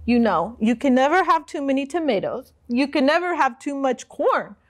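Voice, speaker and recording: A woman's voice: sits high, expressive, a little slow. A woman voicing a cheerful mother who boasts about her daughters in a read-aloud storybook. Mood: explaining.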